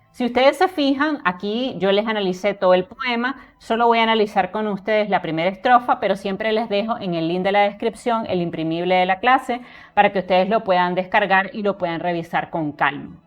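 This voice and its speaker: A woman teaching a poetry lesson, explaining patiently and often checking in with her listeners. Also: mid-range voice. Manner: explanatory, checks in with frequent rhetorical tags; counts syllables aloud slowly. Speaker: literature teacher.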